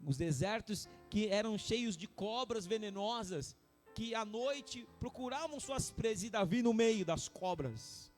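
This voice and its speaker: A man preaching as pastor, speaking intimately to his congregation and then building to impassioned, shouted appeals. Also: sits high, expressive, measured pace, faint music behind. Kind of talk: sermon.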